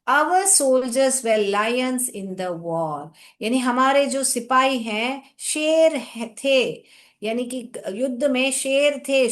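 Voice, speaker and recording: A woman teacher with a fairly high voice explains a lesson slowly and deliberately. She reads each example sentence aloud with care and addresses her students fondly. Her manner is patient and methodical. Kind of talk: classroom lesson, explaining in Hindi with English examples.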